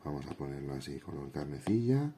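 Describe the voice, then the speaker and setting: This YouTube host reviewing a drawing app has a dark, sing-song bass voice and talks a little fast, with a slight hiss or hum in the sound. Congested from a head cold, he speaks with a Castilian Spanish accent and addresses viewers directly in a relaxed tutorial-and-review style.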